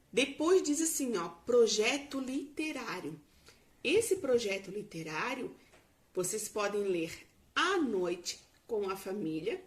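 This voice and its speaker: A Brazilian woman teacher explaining a lesson slowly to young children in a recorded remote class. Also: mid-range voice, darkish tone. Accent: Brazilian Portuguese.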